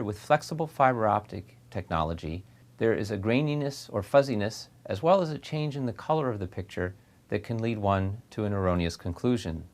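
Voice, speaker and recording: A man giving scripted medical narration as a lecturing doctor, explanatory and measured, stressing key points. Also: lowish voice. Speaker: laryngologist lecturer.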